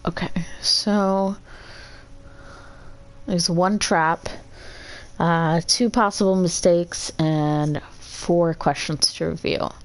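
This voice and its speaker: A woman giving casual commentary while playing a game, with relaxed, self-deprecating asides. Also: fairly low pitch, drawn-out words, long pauses. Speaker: gamer streaming a playthrough.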